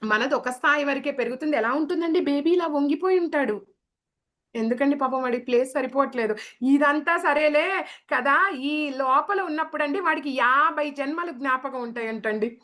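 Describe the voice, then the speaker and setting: Woman preaching a devotional talk, high voice, keeps asking the listeners questions. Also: normal speed, a bit bright. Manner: rhetorical questions with tag "andi", acting out quotes. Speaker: spiritual speaker. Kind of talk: devotional sermon.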